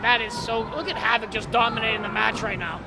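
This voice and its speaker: A man's voice: sits high, fairly even intonation, a little fast, over music, poor audio. A man giving opinionated, openly partisan color commentary on live wrestling. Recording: loud crowd noise behind. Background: wrestling event crowd.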